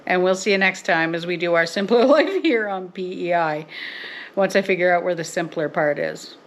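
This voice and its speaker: A woman's voice: on the low side, normal speed, slight background noise. Casual home-cook woman, giggly and talkative, faint kitchen ambience. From Canada. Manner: chatty, giggly, talks to viewers while working. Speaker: homestead vlogger. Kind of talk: casual cooking vlog.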